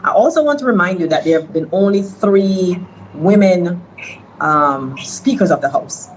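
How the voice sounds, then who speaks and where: A woman giving a parliamentary speech, slow and deliberate, lecturing a fellow member. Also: on the low side, lively intonation, slight background noise, low-quality recording.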